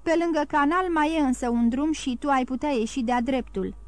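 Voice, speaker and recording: A woman's voice: sits high, no room sound, close to an everyday voice. A woman voicing a grim, scheming innkeeper's wife with a tremulous, sly and menacing way of speaking.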